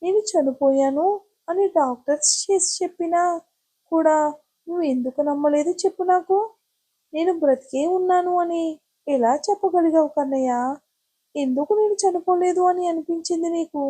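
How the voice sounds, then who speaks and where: A woman's voice: very high-pitched, moderate pace, dark tone. A woman reading the part of a devoted young woman who pleads emotionally with her lover in an audio storybook. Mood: tearful pleading.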